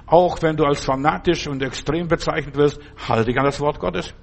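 An older male preacher delivers an earnest, exhorting sermon, speaking straight to each listener. His voice sits a little high for a man and has a husky, breathy grain. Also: moderate pace.

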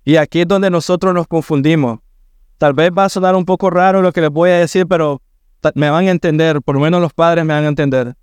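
Middle-aged male pastor, sermon, smooth resonant voice, dry close sound, earnest and emphatic. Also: fairly high pitch, steady tone, fairly quick, darkish tone, no echo. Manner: earnest, rising to emphatic preaching.

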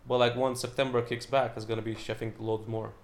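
Young British comedian, quick rambling chatter, restarts a lot. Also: male voice, medium pitch, flat delivery. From Britain. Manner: rambling, fast, lots of fillers and restarts. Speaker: stand-up comedian. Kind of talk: casual chat.

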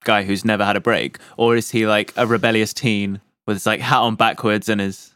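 A man's voice: lowish voice, fairly even intonation, fairly quick, fairly bright tone, smooth, no room sound. Wry joking man, dry close sound. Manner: wry, riffing, laughs often. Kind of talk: casual comedic banter.

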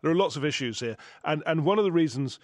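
A man presents a radio news programme in a fairly high voice, leading the talk with brisk questions and introductions. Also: expressive. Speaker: host. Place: college hall with live audience.

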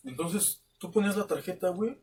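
A young man with a Mexican accent telling a long, animated anecdote in casual chat, swearing freely and acting out both sides of the dialogue. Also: high voice, brisk, distant mic. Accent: Mexican Spanish. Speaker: podcast co-host. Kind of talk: casual storytelling.

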